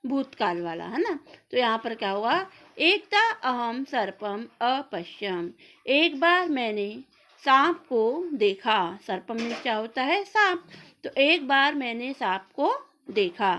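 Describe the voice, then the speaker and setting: A woman teacher, giving a classroom grammar lesson. She asks a question, answers it herself and repeats words slowly for her students. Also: a little high, big pitch swings, fairly bright tone. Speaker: school teacher.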